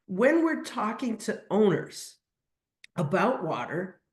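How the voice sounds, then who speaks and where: Suffering from a cold, a veterinary technician lectures in an educational webinar with a slow, sing-song, mid-range voice in an echoey room. Each step gets explained in turn, punctuated by frequent ums and restarts.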